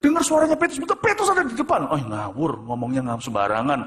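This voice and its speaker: A man preaching a sermon, telling a story and acting out the dialogue, swinging between loud and hushed delivery. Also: fairly high pitch, very animated, fast talker. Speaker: pastor. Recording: echoey hall with music behind.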